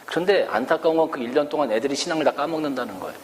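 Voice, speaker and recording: A man's voice: on the high side, rapid-fire, a little hiss or hum. A male pastor from Korea preaching a sermon with rhetorical questions and acted-out quotes. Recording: echoey church hall, faint ambience.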